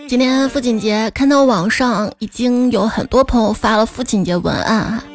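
A woman hosts a comedy segment and reels off jokes in a playful, teasing voice. Her voice sits fairly high. Soft music runs underneath her. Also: normal speed. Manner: playful, teasing, often laughing. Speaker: comedy host. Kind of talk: telling jokes to listeners.

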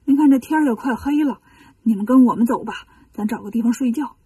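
Frightened male monks from a storybook read aloud plead and fret, played by a woman. Their voice is mellow and breathy. It is a touch high-pitched and sits a bit back from the microphone. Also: fast, no room sound, distant mic. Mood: worried pleading. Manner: pleading, worried.

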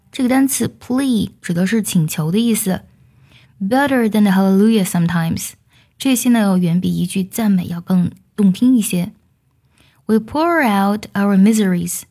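A woman teaching English song lyrics, explaining each line patiently and singing phrases slowly to demonstrate. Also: mid-range voice, warm tone.

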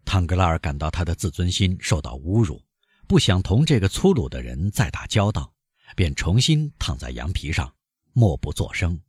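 Man reading a novel aloud, low husky voice, swings his pitch all over, dry close recording. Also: sing-song, moderate pace, no room sound. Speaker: audiobook narrator. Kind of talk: scripted novel narration.

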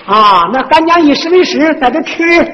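A performer playing a sharp-tongued, bossy older village godmother in a comic folk stage duet, with a Northeastern Mandarin accent and a brash, scolding, gossipy way of telling stories. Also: high voice, expressive, moderate pace. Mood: scolding gossip. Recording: echoey stage, dull lo-fi sound, faint hiss.

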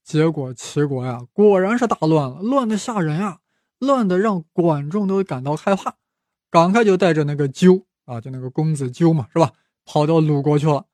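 A man's voice: a little high, expressive, moderate pace, a little mellow, dry recording, studio quality. A man hosting a podcast, telling history as a casual, playful story with chatty asides to the listener. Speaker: podcast host.

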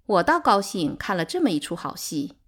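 A woman reading a novel aloud in calm, expressive narration. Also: mid-range voice, normal speed, slightly rough. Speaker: audiobook narrator. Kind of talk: scripted narration.

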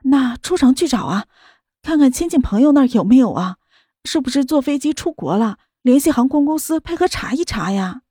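A woman's voice: a little high, animated, moderate pace, mellow, no room sound, clean studio sound. Woman doing a fretful rich middle-aged mother. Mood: anxious. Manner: urgent and fretful. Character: anxious, doting wealthy middle-aged mother.

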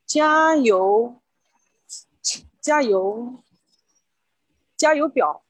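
Brief: high-pitched woman learner, halting and very slow, dry close sound on a call. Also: lively intonation, no room sound. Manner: halting, hesitant learner repeating words. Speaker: student. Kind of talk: repeating vocabulary in a lesson.

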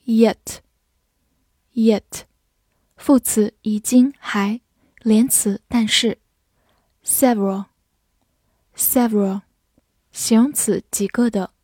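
A woman's voice: on the high side, fairly even intonation, very slow, pauses often, darkish tone, no room sound, studio quality. A woman teaching English vocabulary, saying each word twice and then giving its meanings, in scripted lesson narration.

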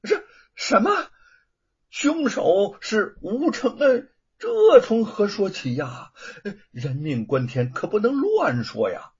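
A man's voice: sits high, wildly swooping pitch, slow pace, darkish tone, slightly rough, dull audio, voice pushed up, heavily acted. A male storyteller voicing a timid middle-aged official who stammers and exclaims in alarm. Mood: flustered.

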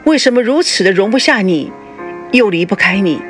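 A woman's voice: medium pitch, animated, a little fast, fairly bright tone, soft background music, close to an everyday voice. A woman voicing a heartbroken young woman who rages bitterly. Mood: anguished. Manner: anguished, bitter.

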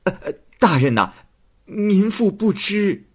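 A man voicing a shrill, defensive middle-aged village woman who wails and stammers her protests, in a storytelling reading. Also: expressive, slow, slightly rough, exaggerated voice. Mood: wailing.

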